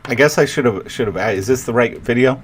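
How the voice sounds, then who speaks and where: A man hosting a casual live show, talking in a relaxed, laid-back way. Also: mid-range voice, fast talker, faint music behind. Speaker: host. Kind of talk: casual chat.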